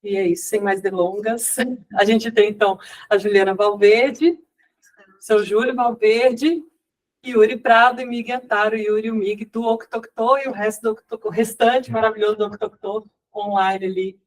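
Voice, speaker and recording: A woman's voice: mid-range voice, steady tone, normal speed. A woman producer introducing a public talk, rambling with many fillers and restarts. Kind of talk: event introduction. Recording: voice heard from a distance.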